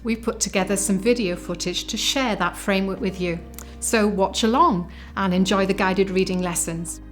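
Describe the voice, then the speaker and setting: A woman presenting a teacher training video in a clear, explanatory scripted voice-over. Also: medium pitch, normal speed, soft background music.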